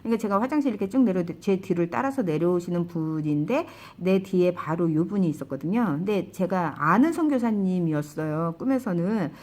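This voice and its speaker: A woman casually recounting a dream as a testimony, describing it with lively gestures and frequent exclamations. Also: on the low side, a little fast, hardly any pauses.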